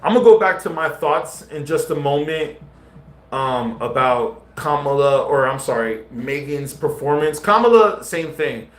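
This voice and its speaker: Speaking straight to his audience in slang, a man live-streams casual commentary in a slightly high voice with lively intonation and a measured pace. Faint music plays under a roomy echo.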